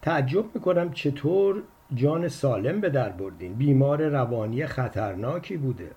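A man's voice: mid-range voice, animated, dark tone, close to an everyday voice. A man voicing a smiling, needling middle-aged woman doctor in an audiobook story. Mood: teasing. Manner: sly, teasing.

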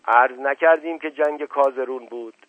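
A man's voice: medium pitch, no echo, pitched above the performer's own voice, natural voice. A man reading aloud, voicing an older male servant who is humble and timid yet stubbornly keeps correcting his master. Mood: insistent. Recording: dry, narrow phone-like sound.

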